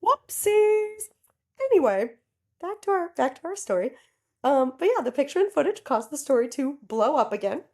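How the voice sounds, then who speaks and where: Giggly woman with a mellow voice. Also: high voice, fairly quick. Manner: giggly, animated, talks straight to listeners. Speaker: podcast co-host. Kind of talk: casual storytelling chat.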